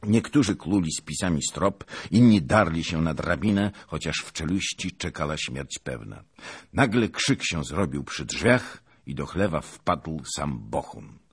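A man's voice: a bass voice, expressive, slightly rough. A man dramatically narrating a historical novel in an audiobook. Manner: dramatic, slow and deliberate.

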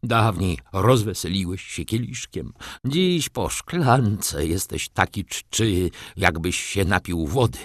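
A man's voice: deep voice, animated, slow pace, no echo, studio quality, full character voice. A man voicing a gloomy old clerk who grumbles that the world is getting worse, in an audiobook reading. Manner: grumbling, head-shaking complaint.

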